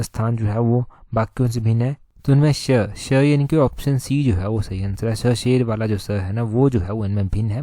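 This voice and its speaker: Man, exam-prep teacher, explanatory, repeats answers, mellow, dry sound. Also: mid-range voice, no echo. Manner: explanatory, repeats answers, slows to read questions aloud. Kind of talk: solving an exam paper aloud.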